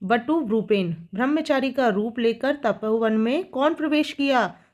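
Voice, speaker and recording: Patient woman teacher explaining to children. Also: a little high. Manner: reads each line slowly, then explains it. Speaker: school teacher. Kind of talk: solving textbook exercises for children.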